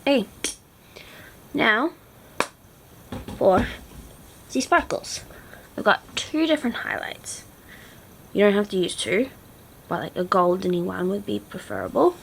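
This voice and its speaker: A woman's voice: mid-range voice, sing-song, a little slow, vocal fry, pauses often, a little hiss or hum, low-quality recording. A woman vlogger chatting casually through a makeup tutorial, often dropping into half-whispers as she concentrates. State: teary-eyed.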